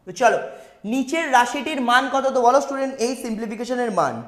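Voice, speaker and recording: Teaching math live online, this West Bengal Bengali-accented man has a very high, expressive, brisk voice with a fairly bright tone and a roomy sound. He repeats each step, checks in with "ঠিক আছে?" and reads out questions from the student chat.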